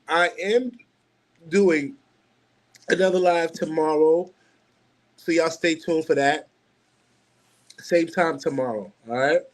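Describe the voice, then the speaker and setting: Man, 40s, livestream host; loose, rambling chat with lots of fillers, voice sits a bit high. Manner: rambling, many fillers and restarts.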